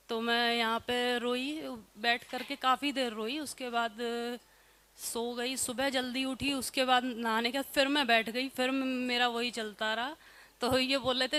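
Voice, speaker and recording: A woman's voice: a little high, sharp tone. A housewife earnestly recounting her personal story in plain, simple words. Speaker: housewife sharing testimony. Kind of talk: emotional personal testimony.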